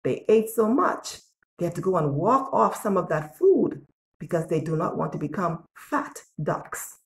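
A woman in her sixties with a lowish voice reads a picture book to young children, telling it expressively and deliberately and asking them questions. She's in a small, bare-walled, echoey indoor room, recorded on a phone or tablet held at arm's length.

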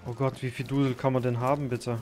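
A man commenting on his own survival gameplay, thinking aloud, swearing and breaking into sudden loud outbursts. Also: medium pitch, little pitch movement, quick pace, slight background noise. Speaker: gaming YouTuber.

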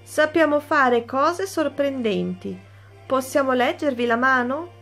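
A woman's voice: high-pitched, lively intonation, a little slow, fairly bright tone, faint music behind, pitched above the performer's own voice, exaggerated voice. A woman voicing a sly outlaw who poses as a fortune-teller, coaxing and theatrical, in a children's story reading.

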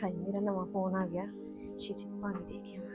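An actress playing a young wife who complains in a shrill, whiny voice in a family drama. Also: female voice, flat delivery, quick pace, lightly acted. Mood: excited. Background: music.

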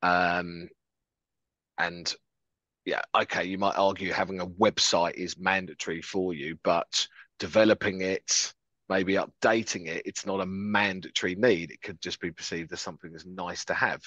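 A Frenchman with a deep voice chats as an upbeat podcast guest, calling in on a headset video call from his home office and joking at his own expense. He speaks at a moderate pace in a steady, slightly bright tone. The audio has no room sound and is dull, slightly lo-fi.

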